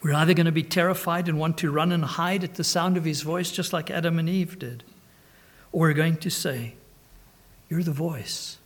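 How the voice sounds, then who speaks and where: Impassioned male preacher, fairly high voice. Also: fairly even intonation, fairly quick. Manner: dramatic storytelling, swinging from urgent to hushed. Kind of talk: sermon.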